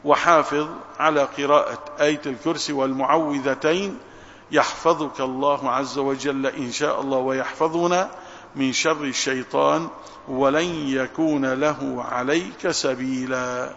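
Measured man preaching in echoing hall. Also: medium pitch, steady tone, fairly bright tone. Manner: measured, emphatic, slows on scripture quotes. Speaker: Islamic preacher. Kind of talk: religious lesson. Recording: dull recording with long hall reverb.

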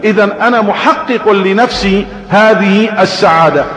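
A man's voice: sits high, moderate pace, a bit bright. A man preaching a sermon with a Syrian Arabic accent, telling stories animatedly and asking rhetorical questions. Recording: echoey hall reverb.

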